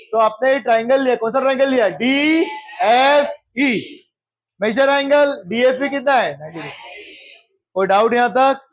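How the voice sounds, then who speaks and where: A male math teacher with a very high-pitched voice lectures a geometry class, heard through lo-fi sound. He often repeats questions, checks whether anyone has doubts, and mixes English terms into his Hindi.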